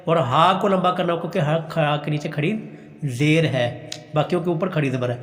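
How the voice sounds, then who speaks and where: High-voiced man teaching Quran recitation. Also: a bit bright. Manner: slow drawn-out recitation between quick explanations; patient, repeats and urges practice. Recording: echoey room with long reverb.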